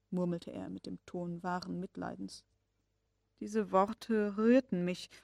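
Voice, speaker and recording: A woman's voice: mid-range voice, creaky, dry recording. Woman narrating an audiobook, dry sound. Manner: measured, expressive storytelling. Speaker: audiobook reader. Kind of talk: audiobook narration of a classic novel.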